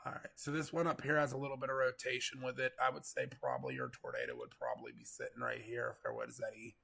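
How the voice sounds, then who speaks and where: A man with a gravelly, congested voice from getting over a cold, giving casual, rambling live storm coverage commentary. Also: medium pitch, fast talker, sharp tone. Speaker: live weather stream host, storm chaser.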